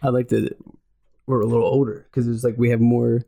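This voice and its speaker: Gravelly man in his late thirties. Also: mid-range voice, little pitch movement, a little fast, crowd noise. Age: 30s. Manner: rambling, heavy on "like" and "you know". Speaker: podcast guest, comedian. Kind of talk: casual chat.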